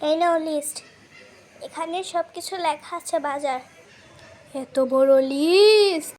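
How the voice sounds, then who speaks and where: A girl voicing a strict mother in a doll-play skit who scolds in a shrill, high voice. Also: fairly even intonation, normal speed, a little hiss or hum, natural voice. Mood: nagging. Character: strict scolding mother, protective of her flower garden.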